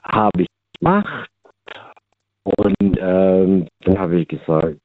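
A man calling in to a radio show over the phone, talking haltingly with many fillers. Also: low-pitched, lively intonation, no echo. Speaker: caller. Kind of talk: call-in chat. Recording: tinny phone line.

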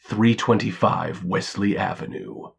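A man voicing a sinister anonymous caller over a phone line, talking in a slow, menacing, drawn-out way. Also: lowish voice, vocal fry, breathy edge, pitched above the performer's own voice, exaggerated voice.

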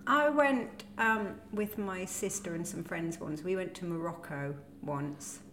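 A woman's voice: lowish voice, a little slow. A woman co-hosting a casual comedy podcast, giggling often as she chats. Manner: giggly and animated, laughs often. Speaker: podcast co-host. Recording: roomy echoey room with faint noise.

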